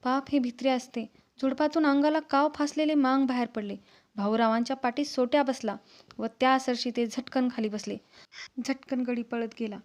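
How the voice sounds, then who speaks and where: A woman narrating a classic book in a steady, expressive storytelling manner. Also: high voice, normal speed. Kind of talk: literary book reading. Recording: slightly dull, lo-fi recording.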